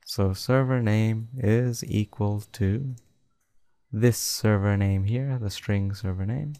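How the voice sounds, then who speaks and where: Man, tutorial narrator, deliberate step-by-step dictation, low voice, dry close sound. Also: mellow, smooth, no echo. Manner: slow, step-by-step dictation of code. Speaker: tutorial host. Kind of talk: screen-recorded coding tutorial.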